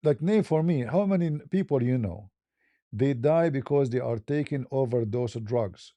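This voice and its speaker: Expressive and mellow, a mid-range male voice talks at normal speed with no echo. He's an online religious debater fielding questions in a casual monologue. His non-native English is simple, and he tends to repeat and restart what he says.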